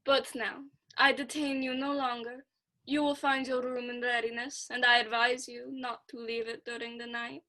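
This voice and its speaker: A young woman playing a sinister vampire count in a student radio play, speaking with slow, courtly menace. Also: a little high, level tone, pushed and bright, rough recording.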